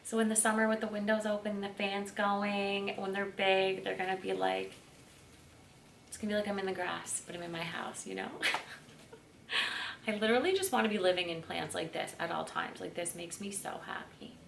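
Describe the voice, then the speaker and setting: A woman's voice: mid-range voice, fairly even intonation, normal speed, creaky. Chatty woman gushing from across a room. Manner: chatty and gushing, with many fillers. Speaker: plant vlogger. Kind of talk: casual home tour chat. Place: room in her home, indoors. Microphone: camera mic across the room. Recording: roomy and distant with faint ambient noise.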